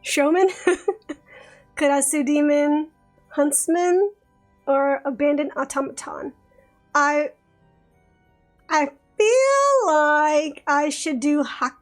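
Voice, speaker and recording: Giggly high-pitched woman streamer reading game narration, soft music underneath. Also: lively intonation. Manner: giggly and chatty, reads narration slowly. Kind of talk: reading a visual novel aloud on stream.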